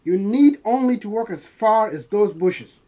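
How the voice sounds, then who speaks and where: This young adult dialect coach from South Sudan speaks with a Dinka accent as he shares memories and coaches lines. He has a high, animated, mellow voice and talks a little slowly, and the audio sounds dull. Ambience and background noise come through clearly.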